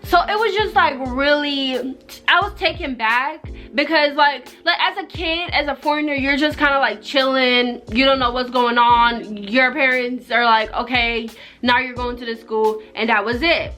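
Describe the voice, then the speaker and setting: A young woman from Jamaica talks in a fairly high voice, telling a story casually to the camera. She rambles conversationally, dropping in plenty of filler "like" as she goes. Faint music plays behind her. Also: normal speed, bright, forceful tone. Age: young adult. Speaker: vlogger. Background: background music.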